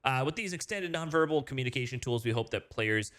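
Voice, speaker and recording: A man's voice: medium pitch, animated, fast, a bit bright. A man casually reading game update notes aloud and reacting, with frequent fillers and restarts, sounding sleepy early in the morning. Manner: chatty, many fillers and restarts, reads aloud then reacts. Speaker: gaming video host.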